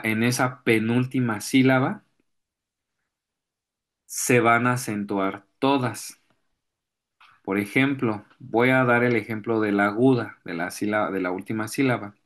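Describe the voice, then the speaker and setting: A man teaching an online class at an unhurried, drawn-out pace, his voice sitting in an ordinary middle register. He explains rules patiently, trailing off into fillers while he searches for examples. Throat clearing breaks up his delivery now and then. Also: mid-range voice. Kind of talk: virtual class lesson.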